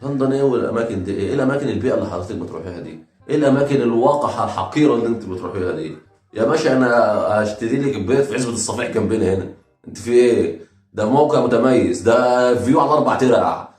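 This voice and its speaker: A man with an Egyptian accent reacting to video clips with sarcastic, rapid-fire jokes. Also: mid-range voice, lively intonation, darkish tone, echoey room, soft background music. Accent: Egyptian Arabic. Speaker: comedy reaction host. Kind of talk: comic reaction commentary.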